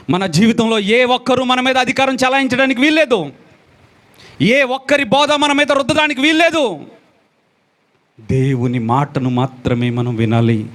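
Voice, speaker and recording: Male pastor, high voice, very animated pitch, dramatic sermon, repeats lines for emphasis. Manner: dramatic preaching, swinging from loud exclamations to low quiet lines.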